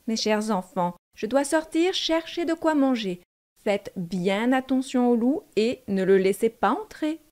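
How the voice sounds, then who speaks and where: A woman voicing a caring, protective mother goat in a storybook, warning her young in a gentle, careful way. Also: fairly high pitch, expressive, measured pace.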